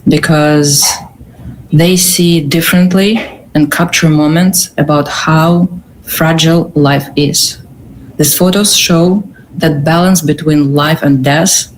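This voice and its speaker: Ukrainian-accented woman guest, slow and halting, faint hiss under the voice. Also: low-pitched, poor audio. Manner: earnest, halting with pauses and restarts. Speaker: guest, curator. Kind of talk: interview answers.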